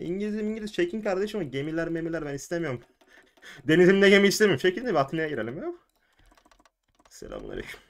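A young man hosting a gaming channel, commenting excitedly on a strategy game, exclaiming and swearing at what happens on screen. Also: sits high. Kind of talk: excited let's-play commentary.

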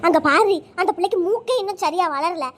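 A woman voicing a bossy, meddling older mother-in-law in a cartoon, scolding and shrill. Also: brisk. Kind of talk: cartoon voice acting.

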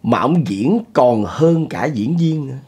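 A man's voice: mid-range voice, animated, unhurried, darkish tone, husky. A middle-aged man with a Southern Vietnamese accent, hosting and telling a spoken ghost story in a chatty way, talking to his listeners. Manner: chatty, addresses listeners, chuckles often. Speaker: storyteller host.

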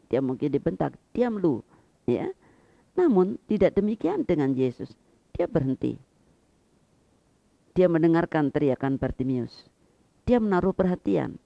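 A male preacher delivers a sermon in a lively, expressive storytelling manner, his pitch rising and falling widely. His voice is mellow and gravelly. The dry recording sounds slightly dull and lo-fi. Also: no room sound.

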